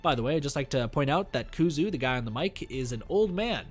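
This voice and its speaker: A man's voice: medium pitch, lively intonation, a little fast, soft background music. A young man streaming, reading a visual novel aloud with casual commentary. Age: young adult. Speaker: game streamer.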